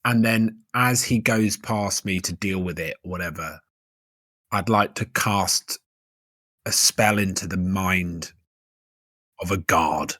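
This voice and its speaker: A man playing a tabletop game, laying out his plan deliberately and checking the rules. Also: sits low, sharp tone, no room sound, studio quality. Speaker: player. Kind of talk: casual tabletop play.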